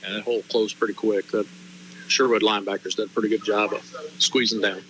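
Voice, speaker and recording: A man offers conversational football analysis as a color commentator. His voice is fairly low yet bright and hard-edged, with faint noise and hum on the live broadcast. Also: flat delivery, quick pace, rough recording.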